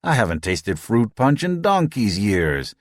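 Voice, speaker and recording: A man's voice: fairly low pitch, sing-song, measured pace, no room sound, clean studio sound. A man voicing a wry, drawling male space worker in an audiobook.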